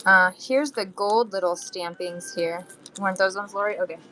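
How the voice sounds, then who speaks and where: Running a live online sale, a woman chats casually with buyers while showing beads and charms, humming and singing to herself between items. Her mid-range voice moves at a moderate pace, her throat a bit phlegmy, with background noise.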